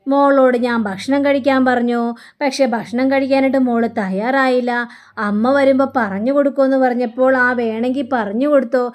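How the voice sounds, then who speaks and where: Older grandmother from a TV serial, voiced by a woman, gentle, coaxing, high voice. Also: a little fast, close to an everyday voice. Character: kindly older grandmother coaxing a child to eat.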